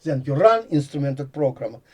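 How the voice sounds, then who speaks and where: At a normal speed and with a sing-song lilt, an older Latvian man speaks in a mellow, medium-pitched voice. A computer science professor and guest with a Latvian accent, he explains concepts conversationally as he thinks, often omitting articles.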